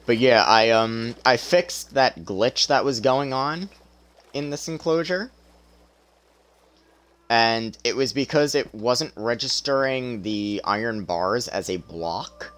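A young man streams a game and talks casually through his play, chatty and self-deprecating, his voice tired and strained. It's medium-pitched with a fairly bright tone, and he takes it slowly. This is casual gameplay commentary.

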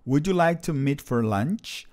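A man's voice: fairly high pitch, expressive, takes it slowly, a little mellow. A man teaching an English lesson, patiently repeating and translating phrases. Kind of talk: explanatory language lesson.

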